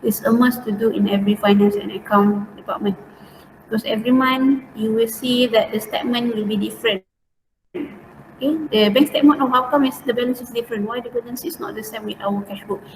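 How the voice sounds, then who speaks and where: A woman's voice: on the high side, fairly even intonation, brisk. A woman with a Malaysian accent teaching an informal online lesson step by step, in colloquial Malaysian English sprinkled with particles like lah and eh. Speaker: accounting teacher. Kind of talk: informal online lesson, talking through worked steps. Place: indoors, online class. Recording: roomy, distant mic, faint noise.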